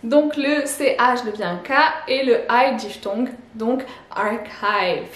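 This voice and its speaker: A woman teaching a pronunciation lesson, explaining slowly and repeating each word with a soft laugh now and then. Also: fairly high pitch. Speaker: language teacher. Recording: roomy echo.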